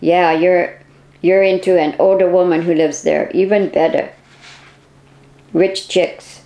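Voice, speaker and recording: A nosy, talkative male taxi driver with a thick Indian accent, put on by a woman narrator. He teases his passenger in a low, gravelly voice, for a storybook reading. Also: steady tone, a little slow, mellow, reverberant, poor audio. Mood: teasing. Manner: nosy, teasing chatter.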